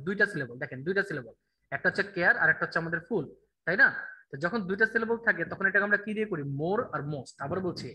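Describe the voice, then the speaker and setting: A man teaching an online English grammar class, quizzing a student and reading answer options slowly. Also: high voice, bright, forceful tone, rough recording. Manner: drills answers with rhetorical questions, reads options slowly.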